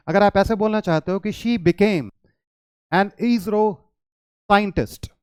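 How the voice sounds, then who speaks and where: A man's voice: on the high side, clear, resonant tone, no room sound, studio quality. Man teaching English in Hindi. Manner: explains patiently, asks the class questions and answers them himself. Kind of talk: classroom lesson in Hindi and English.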